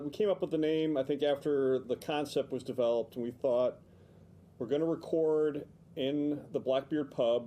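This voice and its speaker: A man's voice: mid-range voice, warm tone, a little hiss or hum. Middle-aged male podcaster, guest in a casual interview, loose rambling storyteller. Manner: rambling storyteller with fillers and restarts.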